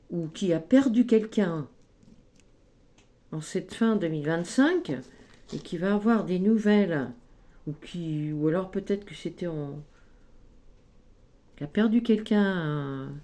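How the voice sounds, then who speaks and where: A woman giving a spoken tarot card reading, slow and gently encouraging, often adding little tags as she goes. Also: on the low side. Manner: slow, gentle, encouraging, frequent "hein" and "ici".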